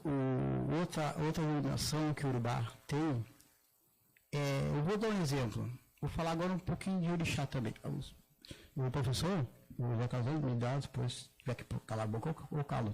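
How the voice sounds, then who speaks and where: An older man from southern Brazil, a religious elder giving a halting public talk with many restarts and slowly drawn-out demonstration words. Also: mid-range voice, creaky, a little mellow, low-quality recording. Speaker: Afro-Brazilian religious elder speaking at a gathering. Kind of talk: public talk, explaining pronunciation.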